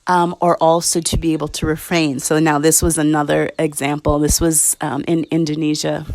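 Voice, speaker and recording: A woman hosting a spiritual talk, telling a personal story in a loose, reflective way with many pauses and restarts. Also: sits low, level tone, a little mellow, dry recording. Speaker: spiritual talk show host. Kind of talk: casual spiritual storytelling monologue.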